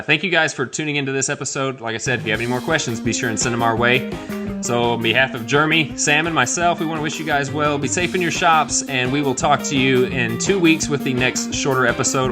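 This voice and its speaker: A man's voice: medium pitch, brisk, loud music behind the voice. A man hosting a casual podcast, jokey and laughing often, with frequent restarts. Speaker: podcast host.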